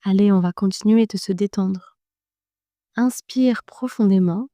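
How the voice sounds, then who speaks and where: A woman narrating a guided meditation in a slow, gentle and soothing way, speaking directly to the listener. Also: medium pitch, no echo, clean studio sound.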